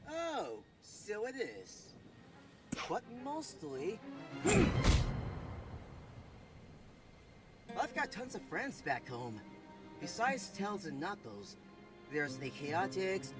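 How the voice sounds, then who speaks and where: Casting: actor as cocky young male cartoon hedgehog hero, breezy and slangy, very animated delivery, loud music underneath. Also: medium pitch. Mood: easygoing. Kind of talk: cartoon comic dub acting.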